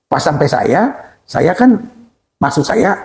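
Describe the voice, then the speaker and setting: A male pastor, a guest in an interview, telling an anecdote in an animated, excitable way, often exclaiming and shifting his pace for effect. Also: on the high side, takes it slowly, vocal fry. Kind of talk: animated storytelling in a conversational interview.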